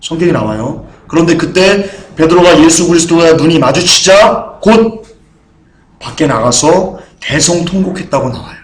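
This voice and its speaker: A man preaching a sermon as pastor, building from quiet low talk to loud impassioned preaching and acting out blunt quoted speech. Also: normal speed. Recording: echoey church room.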